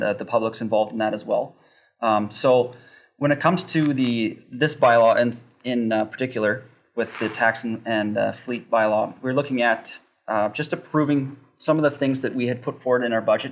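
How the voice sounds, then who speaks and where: A man's voice: mid-range voice, slight background noise. A man, a city councillor, steadily explaining council procedure in casual talk with frequent ums. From Canada. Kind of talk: casual civic discussion.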